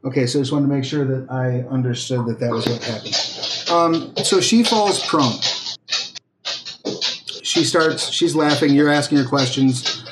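A man running a tabletop game as game master, narrating in an unhurried way with many ums. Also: medium pitch, music in the background. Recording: noisy home recording.

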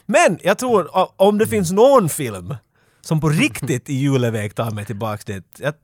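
A man in a casual podcast conversation, his voice slightly high and full of swings in pitch. He jokes around with puns and quick silly bits. The recording is dry and close. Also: very animated, no echo. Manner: playful, breaks into silly voices and wordplay. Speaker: podcast co-host. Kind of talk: casual chat.

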